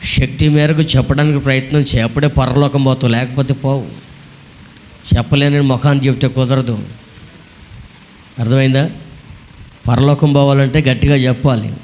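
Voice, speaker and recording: A man's voice: mid-range voice, level tone, normal speed, long pauses. Pastor scolding his congregation to answer aloud. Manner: prods the congregation to answer loudly; scolds children to sit quietly. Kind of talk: sermon.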